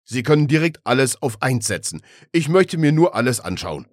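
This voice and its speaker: A man voicing a nervous, reluctant man who turns loud and insistent, in an audiobook. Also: mid-range voice, sing-song, moderate pace, no room sound, clean studio sound, pitched above the performer's own voice. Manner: hesitant, then loud and insistent. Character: nervous, reluctant grown man dodging a trip. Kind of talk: audiobook reading.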